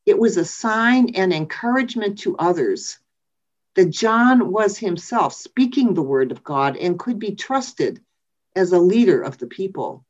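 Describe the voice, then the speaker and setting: A woman preacher giving a sermon in a measured, reflective way, with thoughtful pauses. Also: mid-range voice, expressive, a little mellow. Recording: dull lo-fi recording.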